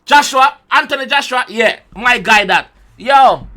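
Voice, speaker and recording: A young man with a Jamaican accent gives an excitable reaction commentary, full of loud exclamations and swearing. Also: very high voice, unhurried. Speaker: music reaction host.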